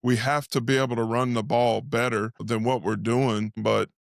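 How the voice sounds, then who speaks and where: A man's voice: medium pitch, little pitch movement, normal speed, gravelly, no room sound, clean studio sound. A man giving casual halftime football commentary as a host who talks like an invested fan of the team. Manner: speaks as an invested fan, saying "we". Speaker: sports show host and analyst.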